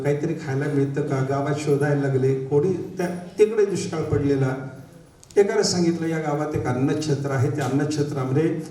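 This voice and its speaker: A man telling a devotional story as a sermon. He tells it in a lively way, with many rhetorical questions and bits of humor. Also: on the high side. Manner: animated storytelling, rhetorical questions, voices quotes, light humor. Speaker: spiritual storyteller. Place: large devotional gathering hall. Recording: echoey hall, far from mic, faint noise.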